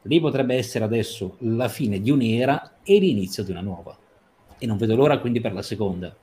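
A man discussing a TV episode on a livestream, talking emphatically and stretching or rushing phrases for stress. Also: on the low side, mellow. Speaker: series commentator.

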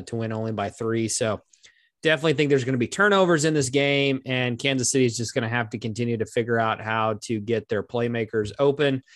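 A man's voice: mid-range voice, no echo. Dry-sounding male podcast host. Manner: leads the panel, calls on co-hosts. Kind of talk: casual podcast chat.

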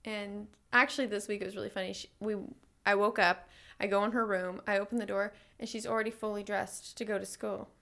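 A woman's voice: mid-range voice, fairly even intonation, brisk, gravelly, fairly bright tone. A woman in her thirties co-hosting a podcast, telling stories in a chatty, laughing way. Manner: chatty storytelling with frequent laughs. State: pregnant. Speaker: podcast co-host. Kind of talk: casual chat.

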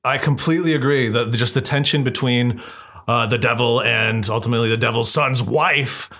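Animated man chatting about films. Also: moderate pace. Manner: animated, pitch jumps up often. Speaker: podcast co-host. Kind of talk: casual film discussion.

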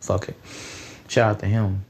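A man's voice: on the low side, flat delivery, moderate pace, a little mellow, breathy edge, dull audio. A nineteen-year-old man hosting a solo podcast, rambling in a loose, profane, conversational way. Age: late teens. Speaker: podcast host.

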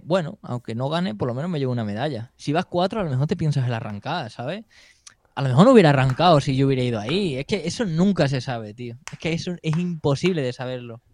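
A young man being interviewed, recounting a race in lively, casual, colloquial storytelling. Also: on the high side. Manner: animated storytelling, keeps saying "tío". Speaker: interview guest, mountain bike racer.

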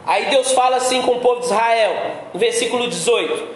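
Man, Brazilian accent, pastor, sermon, high voice, conversational questions, very echoey room. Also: fairly quick. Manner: conversational, keeps asking listeners direct questions. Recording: very echoey room with faint background noise.

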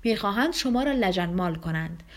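زنی در نقش دختر اشرافی جوان و جدی. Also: female voice, mid-range voice, expressive, close to an everyday voice. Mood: serious. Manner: grave, measured. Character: earnest, serious young noblewoman.

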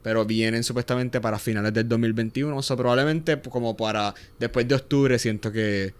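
A man's voice: medium pitch, brisk, smooth. A man with a Puerto Rican accent chatting casually in Spanish sprinkled with English words, Spanglish style, as a podcast co-host. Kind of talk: casual chat.

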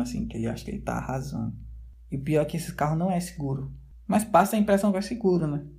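Man, mellow dark voice, casual rambling vlog monologue, slang fillers, indoors at home. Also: fairly high pitch, vocal fry. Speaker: vlogger.

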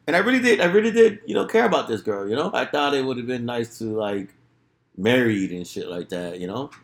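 A man's voice: medium pitch, lively intonation, a little fast. A man telling stories casually in streetwise, profanity-laden slang, peppering his speech with bro and dude. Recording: roomy, echoing room sound.

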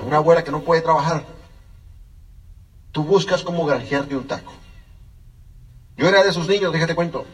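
Guy telling his life story, emotional, kinda high voice, a bit far from the mic. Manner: emotional, speaks directly to the listener. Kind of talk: personal testimony storytelling.

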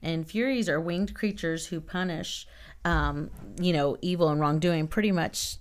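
A woman's voice: sits low, fairly even intonation, unhurried. A woman co-hosting a casual podcast chat, rambling with many fillers and laughing easily. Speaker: podcast co-host.

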